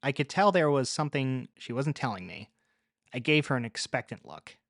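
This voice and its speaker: Guy narrating a story in first person, even pace, dead dry close mic. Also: medium pitch, moderate pace, no echo.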